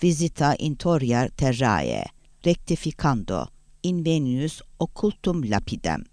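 A man voicing a calm scholarly man who explains things in a measured way. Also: medium pitch, no room sound, clean studio sound. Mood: thoughtful.

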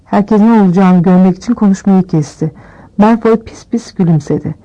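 A woman reading a novel aloud as scripted narration, shifting her pitch a little for each character. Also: moderate pace, warm tone, highs cut off. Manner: reads all characters with small pitch shifts. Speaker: audiobook reader.

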